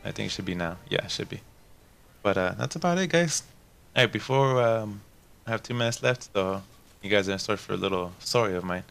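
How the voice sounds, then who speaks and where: A man's voice: lowish voice, a little fast, vocal fry, fairly bright tone, faint music behind. A young man telling viewers a casual, rambling story in a chatty, slangy way. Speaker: gaming channel host.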